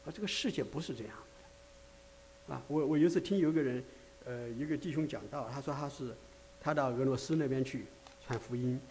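A man's voice: mid-range voice, brisk, mellow, slight background noise. A man preaching a conversational sermon, full of rhetorical asides, restarts and filler sounds.

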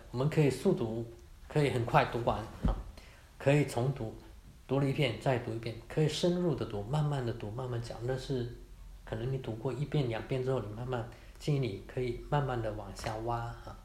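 A man leads a church class on Bible reading in an easy, conversational way, ending lines with soft particles and slipping in English words now and then. His voice sits at a middling pitch. The room adds a clear echo and a faint hiss behind him. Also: normal speed. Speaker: baptism class teacher. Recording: echoey room.

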